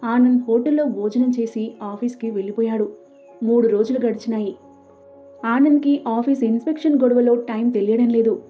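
Brief: woman storyteller, steady reading, fairly high voice, tinny phone-like sound with soft music behind. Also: normal speed. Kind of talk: scripted story narration. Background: faint background music.

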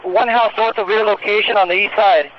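A man calling out directions over a police radio as a helicopter observer, steady with frequent hesitations. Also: high voice, brisk. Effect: police radio transmission. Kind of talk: radio call-outs directing ground units. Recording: muffled radio with faint static.

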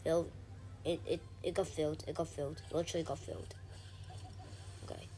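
Excitable woman narrating her gameplay. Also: deep voice, brisk, husky. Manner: chatty, with frequent ums and excited shouted bursts. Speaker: gaming channel host. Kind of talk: gameplay commentary.

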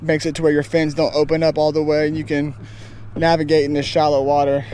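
A young man talking casually and excitedly while fishing from a kayak, recorded on an action camera outdoors. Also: fairly high pitch, brisk, slight background noise. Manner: excited, chatty, says man and guys a lot. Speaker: fishing vlogger. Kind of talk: casual outdoor vlog commentary. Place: kayak on open water under a bridge. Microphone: action camera on chest and pole.

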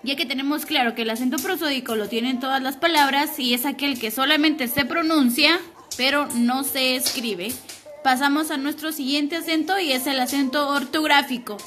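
A young woman teaching a recorded primary school lesson, speaking slowly and clearly and asking the children questions. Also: high-pitched, fairly bright tone. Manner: patient, slow and clear, asking the class questions.

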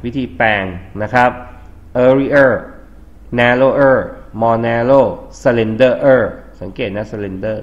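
A man's voice: mid-range voice, dull audio. A man with a Thai accent teaching an English grammar lesson for exam prep, explaining steadily and spelling words out letter by letter. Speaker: English tutor.

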